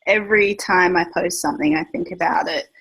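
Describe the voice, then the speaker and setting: Australian woman writer, husky, lowish, thoughtful and halting. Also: a bit bright, poor audio. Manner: reflective, hesitant. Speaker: writer on a panel. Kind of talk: panel discussion.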